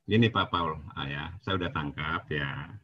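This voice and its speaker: A man's voice: extremely low pitch, moderate pace, lo-fi sound. A man in a heated debate, insistent, repeatedly demanding to be heard.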